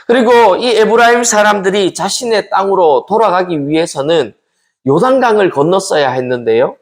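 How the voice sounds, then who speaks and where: Korean pastor guy preaching bible study, high voice that jumps all over, talks right to the church folks. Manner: lively preaching, addresses the congregation directly.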